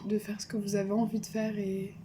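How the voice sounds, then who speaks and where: A woman's voice: medium pitch, monotone, brisk, noisy background. A young French woman giving earnest, hesitant travel advice in a casual vlog, with many fillers and restarts. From France. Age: young adult. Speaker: vlogger.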